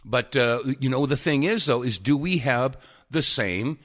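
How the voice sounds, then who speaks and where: Animated bright-voiced male talk radio host. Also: mid-range voice. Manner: animated, interjecting while pausing clips.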